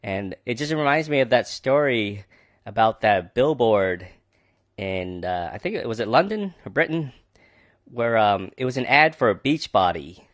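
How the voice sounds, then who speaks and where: A man's voice: medium pitch, lively intonation, moderate pace, no room sound, clean studio sound. A man hosting a book podcast, giving casual, sarcastic commentary that rambles and is full of fillers.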